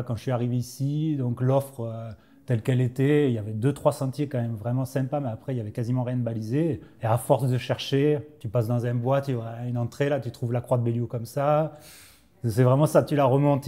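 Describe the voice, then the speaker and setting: A man chatting as an interviewee, telling stories in a lively, conversational way. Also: mid-range voice. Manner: chatty, storytelling. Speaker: interviewee, teacher and trail builder. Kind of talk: casual interview.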